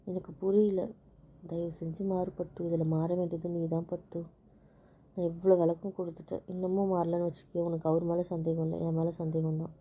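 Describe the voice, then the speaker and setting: A woman talking with her husband in a casual couple conversation, explaining things patiently and calmly. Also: on the low side, husky. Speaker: wife.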